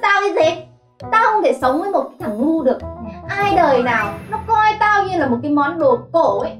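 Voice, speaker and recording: A brash rich landlord's wife. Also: female voice, high-pitched, animated, brisk. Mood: indignant gossiping. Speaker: comic lead. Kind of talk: slapstick comedy acting. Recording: echoey room with music underneath.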